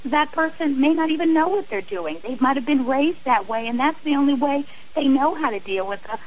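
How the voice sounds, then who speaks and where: Appearing as a radio interview guest, this woman talks at a brisk clip in a fairly high voice. Earnest and emphatic, she repeats phrases frequently for emphasis, and the audio quality is rough.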